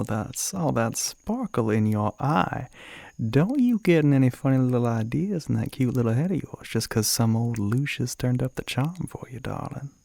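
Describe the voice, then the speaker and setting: Playing a suave demon who flirts with the listener, a man performs ASMR in a Southern American accent, his coaxing, teasing drawl breathy and gravelly and frequently whispered. His mid-range voice is a little mellow and exaggerated, with no echo.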